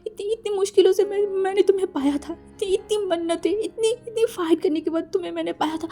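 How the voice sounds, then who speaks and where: A woman's voice: sits high, fairly even intonation, rapid-fire, vocal fry, mellow. A woman voicing a distraught young man who stammers and repeats words while pleading. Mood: panicked pleading.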